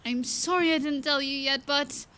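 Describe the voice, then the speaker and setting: A woman's voice: sits high, steady tone, moderate pace, pushed and bright. A woman playing a young, impulsive princess who pleads earnestly and hesitates in an audio drama. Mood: pleading.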